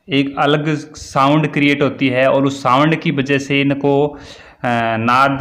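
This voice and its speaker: A man teaching a Hindi grammar lesson, dictating definitions slowly and repeating key words for students. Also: medium pitch, a bit bright. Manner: slow, repetitive dictation, word by word.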